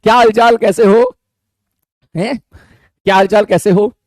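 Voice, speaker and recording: A man teaching an online class, bantering playfully. He repeats words in quick runs. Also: steady tone, dry recording, clean studio sound. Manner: breaks into high mock voices when quoting students.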